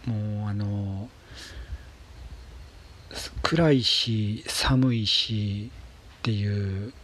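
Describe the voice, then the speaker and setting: A man with a breathy, husky voice chatting casually about daily life in a halting, unhurried monologue, phrases trailing off softly. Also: on the low side.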